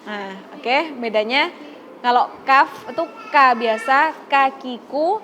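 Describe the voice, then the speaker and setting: A high-pitched woman leads a recitation lesson at an unhurried pace. She stretches each example out slowly and repeats it patiently, with a faint hiss of noise in the background. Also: sharp tone. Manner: patient, drawn-out model recitations. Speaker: Quran recitation teacher. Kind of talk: Quran pronunciation lesson.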